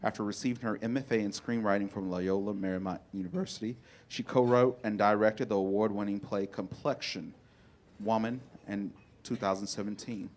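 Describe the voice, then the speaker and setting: A man's voice: lowish voice, steady tone, a little fast, darkish tone. A man hosting an event, reading out a scripted biographical introduction of a guest speaker.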